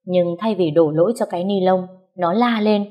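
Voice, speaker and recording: A woman narrating a first-person domestic drama in a steady, subdued voice. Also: fairly low pitch, a little fast.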